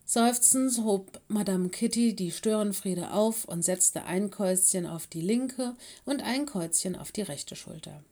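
Woman narrator, children's story, calm storytelling, mellow warm tone. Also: medium pitch, a little slow, hardly any pauses. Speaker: audiobook reader.

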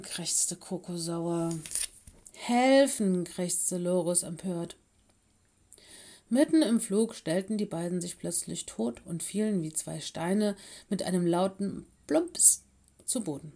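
A woman narrating a children's story in calm, clear storytelling. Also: lowish voice, takes it slowly. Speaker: audiobook reader.

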